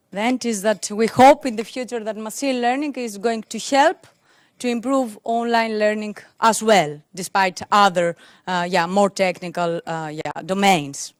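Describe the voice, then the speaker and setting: The speaker is a young woman presenting at a tech conference, her first language Greek; she holds a mic and gropes for words, restarting and using fillers frequently. Her voice is a little high. Recorded close and dry, the technical talk has no room sound.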